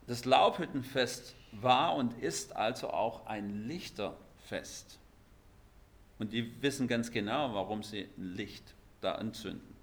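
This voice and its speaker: Lively preacher man. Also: mid-range voice, takes it slowly. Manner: lively, emphatic, shifts between loud stresses and quiet asides. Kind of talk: sermon.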